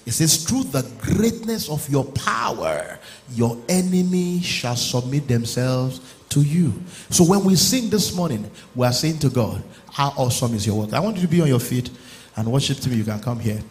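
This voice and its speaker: A man's voice: mid-range voice, expressive, moderate pace. Man preaching an urgent church sermon. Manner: preaching, urging the congregation, rising to loud exclamations. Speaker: pastor.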